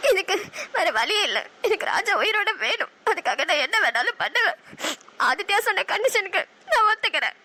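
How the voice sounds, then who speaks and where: This is a heartbroken young heroine in a cartoon love story, sobbing as she pleads. She speaks with a Namakkal Tamil accent. Her voice is very high and bright. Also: sing-song, a little fast, full character voice. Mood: pleading. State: crying.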